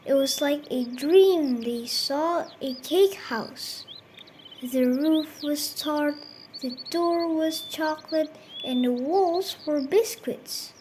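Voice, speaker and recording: A woman reads a children's fairy tale aloud in a high voice, taking her time over each line. Her delivery is even and scripted, with a faint hiss behind it. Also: poor audio. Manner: slow, even reading. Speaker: storyteller. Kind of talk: scripted storybook narration.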